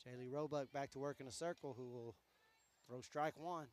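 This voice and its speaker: A man calling high school softball play-by-play, easygoing and chatty between pitches, his voice going hoarse. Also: fairly even intonation, moderate pace. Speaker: play-by-play announcer.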